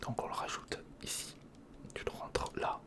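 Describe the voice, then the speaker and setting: An ASMR creator murmurs in a breathy male whisper, casually narrating the thing he is building. The pace is moderate, and he mutters to himself as often as to the viewer.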